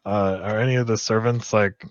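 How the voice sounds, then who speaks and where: Wry low-voiced man, lo-fi audio. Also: steady tone, moderate pace, no echo. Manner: joking, wry. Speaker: player. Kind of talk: casual tabletop game chat. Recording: dull, dry lo-fi audio.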